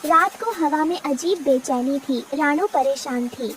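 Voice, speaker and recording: A woman tells a cartoon moral story in a high, bright voice with dramatic storytelling. The voice sits at a distance with a faint hiss behind it. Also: measured pace. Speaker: narrator. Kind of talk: scripted storybook narration.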